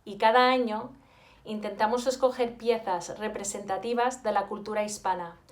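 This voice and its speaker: A woman's voice: medium pitch, fairly even intonation, normal speed. A woman from Spain with a Spanish accent, a teacher giving a formal address and thanking her staff. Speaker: Spanish and French teacher, program director.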